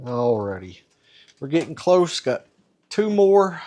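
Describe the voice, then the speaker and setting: A man's voice: a little high, sing-song, takes it slowly, darkish tone. Folksy man cooking supper. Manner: folksy, homespun, down-to-earth. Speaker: home cook host. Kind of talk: casual cooking video talk. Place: home kitchen.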